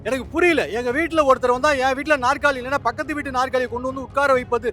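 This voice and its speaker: A man's voice: very high-pitched, steady tone, rapid-fire, pushed and bright, soft background music. A man giving argumentative political commentary, firing off indignant rhetorical questions.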